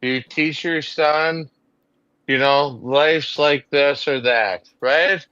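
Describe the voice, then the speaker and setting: A man's voice: on the high side, takes it slowly, bright, forceful tone, smooth, no room sound, highs cut off. A man in his forties, host of a casual group chat, who talks emphatically, repeats himself and swears freely. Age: 40s. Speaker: livestream host.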